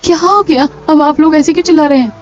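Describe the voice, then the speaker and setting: A woman's voice: a little high, quick pace, close to an everyday voice. A woman voicing a defiant young daughter-in-law. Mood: indignant. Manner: sharp, retorting. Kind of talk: cartoon voice acting. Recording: lo-fi with soft music.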